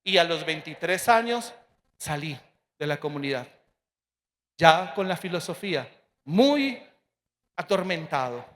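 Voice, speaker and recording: A priest in his forties telling a personal testimony to an audience, earnest and emotional, with dramatic pauses. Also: a little high, very animated, fairly bright tone.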